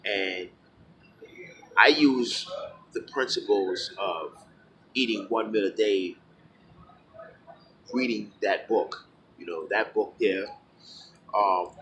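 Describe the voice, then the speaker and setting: A man with a deep, low voice speaks in a loose, rambling monologue, often stopping to restart his sentences. He talks frankly and plainly. Clear background noise and passing vehicles run under his voice. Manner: rambling, full of fillers and self-corrections. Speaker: vlogger. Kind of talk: casual talking-to-camera monologue.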